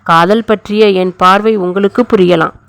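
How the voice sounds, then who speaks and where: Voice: mid-range voice, steady tone, normal speed, vocal fry, fairly bright tone, smooth, dry recording. A storyteller reading the lines of a bookish young male research student who sounds rueful and unsure of himself. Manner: rueful, self-doubting.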